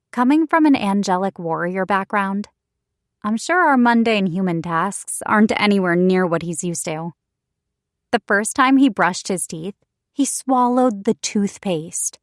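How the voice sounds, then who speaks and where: A woman reading a first-person romance audiobook in an expressive, wry storytelling manner, recorded close on a studio mic. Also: medium pitch, dry recording. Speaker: audiobook narrator.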